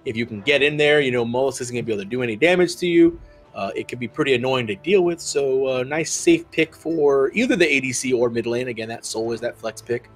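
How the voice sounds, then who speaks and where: A man's voice: mid-range voice, fast, faint music behind. A man casting a video game match, talking through picks with lots of fillers and restarts. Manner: rambling, filler-heavy analysis. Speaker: esports caster. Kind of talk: esports casting commentary.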